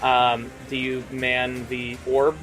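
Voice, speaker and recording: A man's voice: medium pitch, completely flat delivery, takes it slowly, over loud music. A man running a tabletop game as dungeon master, chatty and loose, with frequent fillers.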